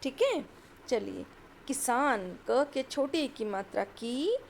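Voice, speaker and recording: A woman teacher with a high voice takes young children through a Hindi lesson at an unhurried pace. She sounds each word out patiently and cheers them on as she goes. Faint noise sits behind her voice. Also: animated, vocal fry. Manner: patient, sounds words out slowly.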